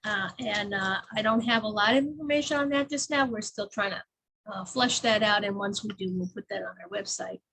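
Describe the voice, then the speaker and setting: A woman's voice: medium pitch, brisk, fairly bright tone, husky. A woman co-hosting a casual local events chat, talking easily, laughing often and reading out event blurbs. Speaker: chamber of commerce co-host.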